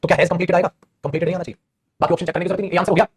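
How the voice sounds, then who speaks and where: A man's voice: high-pitched, fairly even intonation, rapid-fire, breathy edge. A man teaching English grammar in an online exam-prep lesson, explaining in Hindi, reading English example sentences aloud, quizzing students and calling them "beta".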